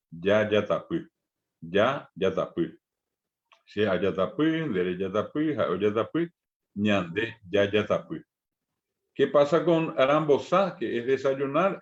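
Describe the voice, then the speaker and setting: A man with a Paraguayan Spanish accent, teaching a language class, who speaks patiently and repeats words slowly for his learners. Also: lowish voice. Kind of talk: online language lesson. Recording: dull lo-fi audio.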